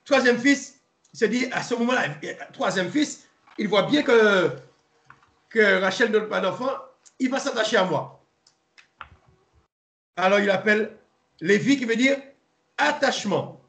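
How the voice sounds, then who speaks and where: A man leading an informal Bible study, pausing, repeating words and spelling names out letter by letter. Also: high-pitched, fairly bright tone. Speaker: Bible teacher. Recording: roomy echo.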